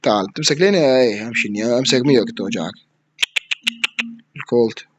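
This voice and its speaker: A man with an Iraqi Arabic accent giving live gameplay commentary, excitable, yelling at opponents and swearing as he plays. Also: medium pitch, fast talker, dull audio, a little hiss or hum. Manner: excitable, yells at opponents and swears mid-play. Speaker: gaming streamer.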